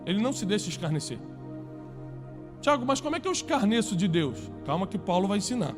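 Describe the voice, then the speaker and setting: A man with a Brazilian Portuguese accent preaching a sermon to a congregation, emphatic, with rhetorical questions and climbs toward near-shouts. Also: sits high, sing-song, fast talker, over music. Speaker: pastor. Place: church before a congregation.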